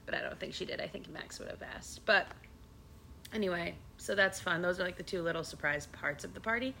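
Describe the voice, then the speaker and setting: This young podcast co-host has a fairly low, creaky, bright voice with a forceful tone, and she talks briskly. Slightly sniffly from allergies, she keeps the casual conversation chatty and laughing, whispering secrets, against slight background noise.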